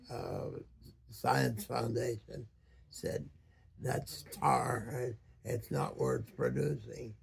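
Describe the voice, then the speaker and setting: A very old man with a deeply gravelly, husky voice tells a story from memory. He speaks haltingly, searching for each word and leaving long gaps filled with ums. The pace is slow throughout. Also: mellow. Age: over 100, very old man. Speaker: retired boat captain.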